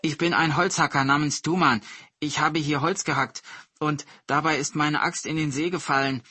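A man's voice: a little high, fairly even intonation, normal speed, bright, forceful tone, husky, no echo, voice pushed up. A man doing a whiny, envious woodcutter. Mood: fake wailing. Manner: theatrical wailing and grumbling.

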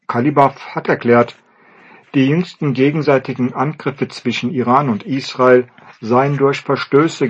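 A man presenting the news in a formal, measured scripted reading, heard as a shortwave radio broadcast. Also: medium pitch, husky. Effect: shortwave radio broadcast sound. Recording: dull lo-fi radio transmission.

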